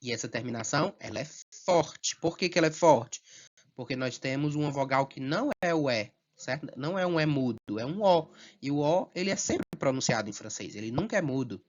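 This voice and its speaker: A patient teacher, explaining French grammar slowly and checking in often with the class. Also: mid-range voice, animated, darkish tone. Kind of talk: language lesson. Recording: slightly dull lo-fi sound.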